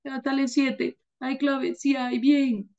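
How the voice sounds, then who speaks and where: A tearful, heartbroken young student, put on by a woman, whining in a high, strained voice. The sound is dull and lo-fi, and the voice is soft and mellow even while it sobs. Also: slow. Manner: whiny, sobbing complaints.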